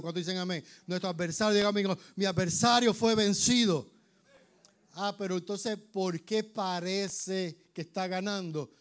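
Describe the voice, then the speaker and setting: A man preaching a sermon, his voice slightly hoarse, animated and acting out voices. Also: high-pitched. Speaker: pastor.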